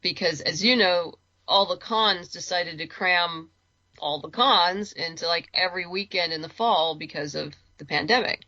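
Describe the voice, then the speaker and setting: As a podcast guest, a woman who creates comics and audio dramas chats casually, rambling conversationally and repeating words for emphasis. Her voice is lowish, bright and forceful at normal speed, in a dry but muffled recording.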